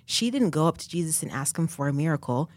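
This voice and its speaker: Woman, very low voice, earnest, thoughtful, faith podcast, dry sound. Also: animated, quick pace, darkish tone, no echo. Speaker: podcast co-host. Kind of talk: casual faith discussion.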